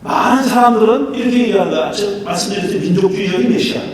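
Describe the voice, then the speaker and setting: A male pastor delivering a sermon, emphatic and animated, swinging between loud and soft. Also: high voice, rapid-fire, over a noisy crowd. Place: church sanctuary. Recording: echoey church hall from far off.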